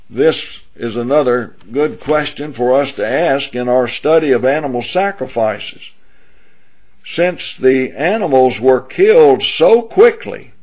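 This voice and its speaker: A man teaching a Bible lesson in question-and-answer form, speaking deliberately and rising in emphasis when he reads scripture. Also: medium pitch, darkish tone, dull audio. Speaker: preacher.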